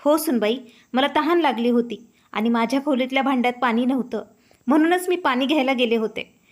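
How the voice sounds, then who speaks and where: A woman voicing a humble, heartbroken elderly mother who speaks softly. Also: sits high, brisk. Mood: pleading. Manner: soft, gentle speech.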